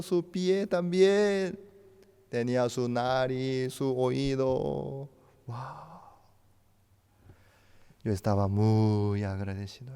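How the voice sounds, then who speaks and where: A male pastor whose first language is Korean, preaching slowly in a smooth, resonant voice. He builds to loud emphatic peaks, then drops to near-whispers. The sound carries the long reverb of a church hall. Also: a little high. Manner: slow, emphatic preaching with sudden loud rises and soft hushed drops. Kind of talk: sermon. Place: church sanctuary.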